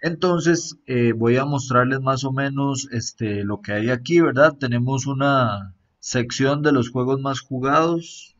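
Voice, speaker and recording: A man's voice: medium pitch, dull audio. Man casually walking through a phone app. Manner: relaxed, tags sentences with a questioning aside, filler pauses. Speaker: app reviewer. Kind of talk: casual screen-recorded app walkthrough.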